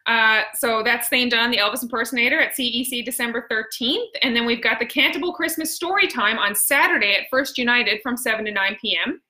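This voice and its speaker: A woman's voice: a little high, a little fast, few pauses, sharp tone. A woman with a Newfoundland accent hosting a casual live stream, chatty and exclamatory, with plenty of slang. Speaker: host.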